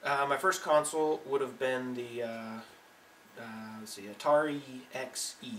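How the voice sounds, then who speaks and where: Man, twenties, halting "uh"-filled delivery, echoey room, mic set back. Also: mid-range voice, steady tone, far from the mic, a little hiss or hum. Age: 20s. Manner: hesitant, full of "uh"s. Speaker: math tutor. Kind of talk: casual self-introduction.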